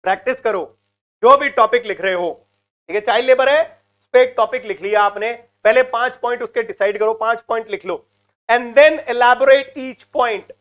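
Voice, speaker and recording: Guy teaching online, high voice, keeps repeating steps, hindi with english thrown in. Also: normal speed, a bit bright. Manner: coaching, mixing English into Hindi, repeats points. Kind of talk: live online class.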